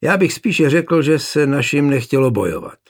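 A man voicing a gruff, rebellious soldier who grumbles defiantly, in a gravelly, husky voice. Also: fairly high pitch, lively intonation, voice pushed up. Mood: grumbling.

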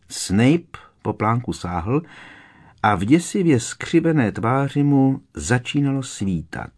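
A man reading a novel aloud as an audiobook narrator, in a measured, steady storytelling manner. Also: mid-range voice, breathy edge. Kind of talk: scripted narration.

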